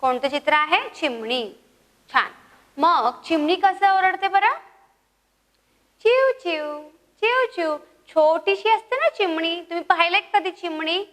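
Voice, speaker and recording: A woman's voice: extremely high pitch, moderate pace, fairly bright tone, in a large hall, poor audio. A woman teaching a first-grade class, coaxing the children to repeat after her and imitating bird calls. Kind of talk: grade one lesson, call and repeat.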